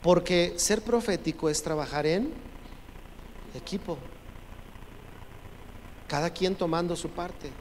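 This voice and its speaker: A man's voice: high voice, takes it slowly, long pauses, darkish tone. A man preaching a sermon as pastor, emphatic and urging the congregation to repeat his phrases. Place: church sanctuary. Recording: long reverb from a church hall, faint noise.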